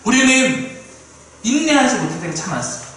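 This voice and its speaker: A male pastor preaching a sermon in an animated way, now and then acting out the people he quotes. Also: very high voice, fairly quick, far from the mic, a little hiss or hum. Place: small church sanctuary. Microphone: distant room mic. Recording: echoey room recorded from afar.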